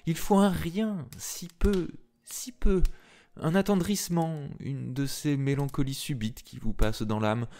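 A man's voice: fairly high pitch, steady tone, unhurried, voice pushed up. A man voicing an anguished young married woman, confessing in a pleading, impassioned way during a dramatic reading of a literary tale. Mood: tearful confession. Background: soft piano music.

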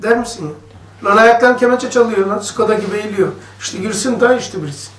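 A man's voice: high-pitched, brisk, a bit bright, a little hiss or hum. A man leading a religious study circle, reading a text aloud and explaining it to the group in a chatty way, with his voice echoing like in a cave. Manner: conversational, explains each passage and questions the listeners. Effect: cave-like echo on the voice. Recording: echoey room, voice distant from the mic.

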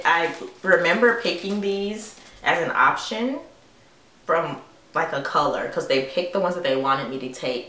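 Low-pitched yet bright and forceful, this woman's voice sounds reverberant and distant, with a bit of hiss. She's a twenty-something beauty vlogger at an indoor vanity with a lit mirror, rambling playfully about sunglasses someone sent her and calling her audience honey.

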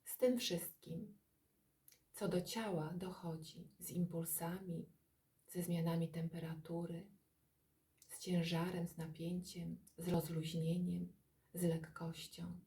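A woman leading a guided body-scan meditation in soft, calm, drawn-out phrases with long pauses. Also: on the low side.

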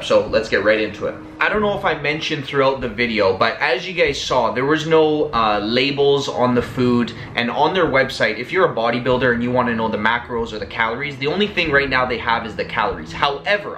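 A man's voice: medium pitch, fairly bright tone, slight background noise. A young man casually reviewing packaged meals to camera, chatty and always calling his viewers guys. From Italian. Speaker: food vlogger. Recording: echoey room.

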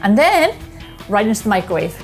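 A woman's voice: mid-range voice, big pitch swings, fairly quick, faint music behind. An Irish woman hosting a casual home cooking vlog, chatting upbeat as she explains each step in her kitchen. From Ireland. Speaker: baking show host.

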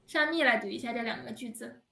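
A woman teaching an online language lesson over a video call, speaking slowly and patiently, drawing out words for her learners. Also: on the high side, creaky, pushed and bright. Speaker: Chinese teacher. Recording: echoey room, heard from a distance.

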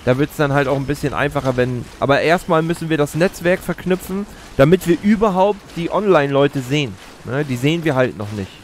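A little high and brisk, his voice runs on with hardly any pauses over a faint hiss or hum. The speaker is a let's play host in his thirties at an indoor streaming setup, explaining gameplay in a casual, chatty manner into a close streaming mic at his gaming chair.

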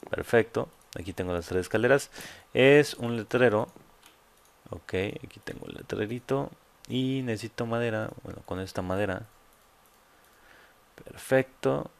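A man's voice: on the low side, creaky. A man with a Mexican accent giving casual, joking let's play commentary full of crude slang. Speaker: gamer host.

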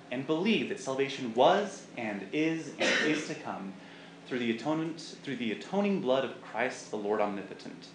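Guy reciting scripture, very lively pitch, bit of noise behind. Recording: echoey room with faint noise.

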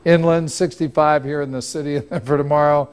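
A man's voice: fairly high pitch, fairly even intonation, brisk, smooth. An older man giving a live TV weather forecast while out of breath after laughing hard, struggling not to crack up. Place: TV news studio.

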